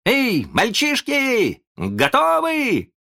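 A man voicing a cocky, boastful boy hero in a storybook reading, with a high crowing, teasing voice. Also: huge pitch swings, extremely slow, pushed and bright, exaggerated voice. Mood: triumphant.

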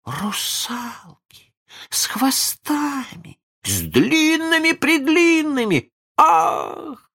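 A high, breathless storybook girl, as a man reading aloud puts her on, kind and a little prim. She gushes and gasps with wonder, her voice swooping widely. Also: huge pitch swings, slow pace, full character voice. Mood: enchanted. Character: kind, motherly young girl, easily enchanted.

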